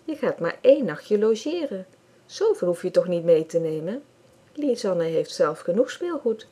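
Storybook mom: woman reading as firm, kind mother, low husky voice. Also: big pitch swings, moderate pace. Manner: firm, gently amused.

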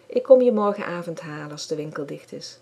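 A woman's voice: low voice, expressive, brisk. A woman as a firm, kind mother. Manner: firm, gently amused.

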